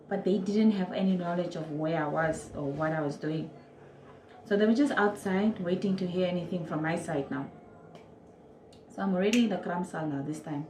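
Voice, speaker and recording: A woman's voice: medium pitch, roomy sound, a little hiss or hum, rough recording. A young woman with a Namibian accent, telling a personal story casually to her viewers and acting out moments. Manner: animated, acts out moments with quoted voices and sound effects. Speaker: vlogger.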